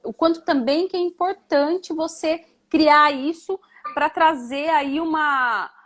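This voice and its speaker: High-voiced woman, reflective live chat. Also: steady tone, slow, a bit bright. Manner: reflective, frequent "né?" tags. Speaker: live-stream guest. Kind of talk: conversational live stream.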